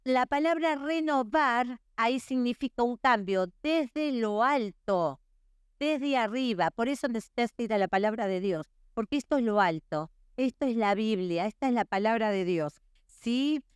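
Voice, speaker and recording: A woman's voice: on the high side, a little slow, clear, resonant tone, no echo, clean studio sound. A middle-aged woman, preaching earnestly at a women's conference and often checking in with her listeners. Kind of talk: sermon.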